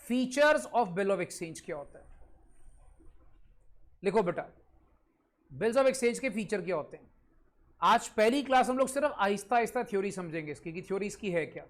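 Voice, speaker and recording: A man's voice: sits high, animated, normal speed, long pauses. A male commerce teacher giving an online class lecture with a Punjabi-influenced Hindi accent, repeating points, quizzing his students and sometimes scolding them.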